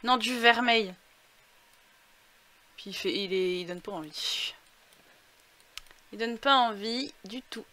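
A young woman giving chatty, excitable commentary while playing a life-simulation game, talking through a headset mic. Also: on the high side, takes it slowly, pauses often. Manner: chatty, excitable outbursts, thinks aloud. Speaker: gaming YouTuber. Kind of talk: casual let's-play commentary.

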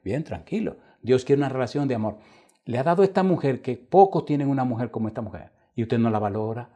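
A man's voice: medium pitch, animated, quick pace. A male pastor preaching a sermon, telling a story and acting out the voices of the people in it. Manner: dramatic, shifts between loud and hushed quoted voices. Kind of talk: sermon with acted-out anecdotes.

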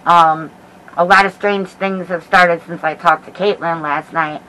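A middle-aged American woman giving a casual vlog update in a hesitant, halting way while feeling sick with a headache. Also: lowish voice, steady tone, sharp tone, slight background noise, poor audio. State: unwell with headache and nausea. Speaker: paranormal vlogger. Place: small dim bedroom, indoors. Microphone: camera mic at about arm's length, through a cloth face mask.

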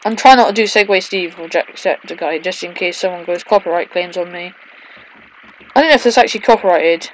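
A woman doing excitable, casual let's play commentary, mixing drawn-out exclamations with quieter asides. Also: fairly low pitch, a little hiss or hum, low-quality recording. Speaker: gaming video host.

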